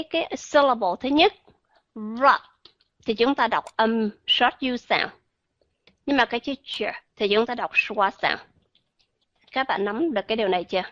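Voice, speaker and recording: A woman's voice: a little high, fairly bright tone, dry recording. A woman teaching English pronunciation, patiently repeating sounds and checking that viewers understand. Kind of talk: classroom-style explanation to viewers. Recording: dull, lo-fi sound.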